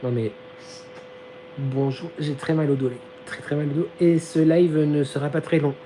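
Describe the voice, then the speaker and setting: A man with a warm, somewhat high voice hosts a live stream, reading chat and talking casually with viewers in a giggly, slangy way while losing his voice. He speaks at a moderate pace with fairly even intonation. The low-quality phone recording has slight background noise, with a fan humming behind the phone.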